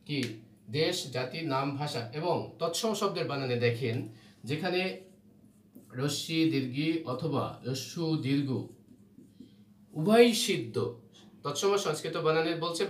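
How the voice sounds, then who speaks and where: Leaning high in pitch, a man teaches exam-oriented Bengali spelling rules, patiently explaining and frequently asking "ঠিক আছে?" so students stay with him. Because he's far from the mic, the room echoes and a faint hum is audible.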